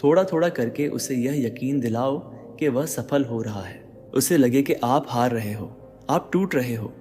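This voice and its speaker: Unhurried and a little mellow, a mid-range male voice offers dramatic motivational narration, speaking directly to the listener and asking rhetorical questions. Faint background music and long reverb fill the recording.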